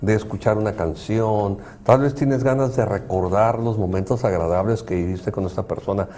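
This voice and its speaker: A man's voice: on the low side, normal speed, warm tone. A man, a psychology professor, talking earnestly and acting out what people said to him. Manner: earnest, explanatory, acts out dialogue. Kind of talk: conversational talk show.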